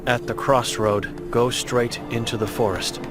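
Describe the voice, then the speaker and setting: A man's voice: medium pitch, steady tone, measured pace, over music, lightly acted. A man voicing an old blind mute woman in a game, grim and guilt-ridden, speaking in terse, broken phrases.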